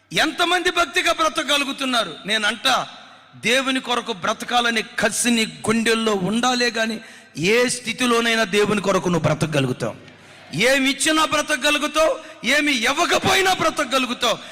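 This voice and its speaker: A man's voice: extremely high pitch, sharp tone. A man preaching a sermon in a fervent, emphatic storytelling manner. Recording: echoey hall.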